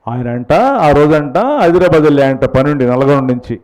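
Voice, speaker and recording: Lively, animated Telugu pastor preaching. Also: male voice, on the high side, moderate pace, rough recording. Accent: Guntur Telugu. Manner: preaching with questions to the congregation. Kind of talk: sermon.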